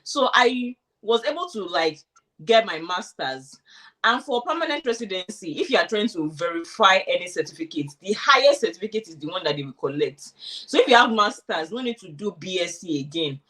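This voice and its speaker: Animated woman telling her story, slightly off-mic. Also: mid-range voice, normal speed, recorded from a distance. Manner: animated, acts out quoted thoughts. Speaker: interviewee sharing her immigration story. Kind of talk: casual conversational storytelling.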